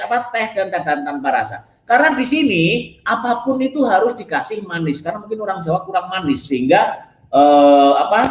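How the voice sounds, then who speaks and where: A diet coach gives a blunt, emphatic motivational talk, firing off rhetorical questions and answering them. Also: medium pitch. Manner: keeps addressing listeners as friends, blunt and scolding. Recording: roomy echo.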